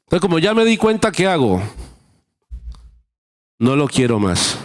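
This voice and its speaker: A man's voice: on the high side, big pitch swings, measured pace. A male pastor preaching a sermon, explaining scripture through everyday stories and acting out short exchanges.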